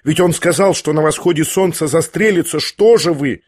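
A man's voice: a little high, normal speed, breathy edge, voice pushed up. A man voicing a frightened young woman who pleads with others, in an audiobook. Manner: alarmed, urgent.

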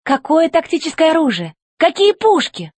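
A woman's voice: very high voice, very animated, moderate pace, darkish tone, dry recording, voice pushed up. A woman voicing a bold, defiant young girl who speaks firmly. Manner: firm, defiant.

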